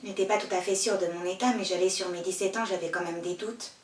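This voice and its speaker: A woman performing a theatrical monologue, wistful and storytelling, swinging between hushed lines and loud pleading ones. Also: fairly low pitch, steady tone, fast, recorded from a distance. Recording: echoey room, voice from afar.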